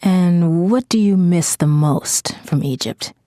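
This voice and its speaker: An attentive interviewer. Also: female voice, fairly low pitch, slow, dark tone, dry recording, clean studio sound. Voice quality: questioning, attentive. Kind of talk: scripted textbook interview.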